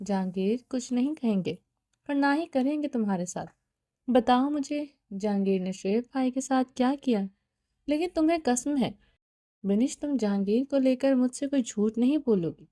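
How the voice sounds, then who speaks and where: A woman's voice: fairly high pitch, lively intonation, dark tone, no echo, clean studio sound, close to an everyday voice. A woman reading the part of an insistent young wife who presses hard with questions, firmly.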